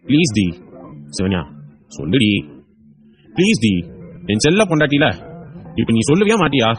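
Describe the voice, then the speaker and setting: A man's voice: medium pitch, very animated, moderate pace, natural voice. A man voicing a loving young husband in a hospital bed, playful and coaxing. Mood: tender. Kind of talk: audio drama acting.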